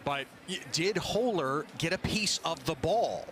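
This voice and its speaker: A man's voice: a little high, lively intonation, measured pace, a bit bright. A man calling live football play-by-play in a conversational, explanatory way. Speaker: play-by-play sports commentator. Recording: clear stadium background noise. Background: outdoor stadium ambience.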